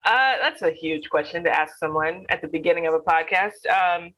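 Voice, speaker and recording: Bright-voiced woman poet from Alabama. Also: lowish voice, moderate pace, rough recording. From Alabama, USA. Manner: earnest, reflective, with frequent ums. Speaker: guest poet. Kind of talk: casual interview answers.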